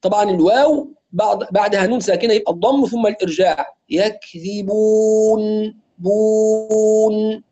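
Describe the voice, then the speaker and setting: A man with an Egyptian accent teaching Quran recitation in an online lesson, explaining rules and demonstrating slow, drawn-out recitation examples. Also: high-pitched, warm tone, dull audio, faint music behind. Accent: Egyptian Arabic.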